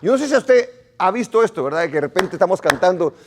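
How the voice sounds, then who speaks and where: A male pastor preaching a sermon to his congregation in an animated way, often repeating and restarting his words. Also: high voice, fast talker, background noise. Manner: animated, acts out what his congregation says.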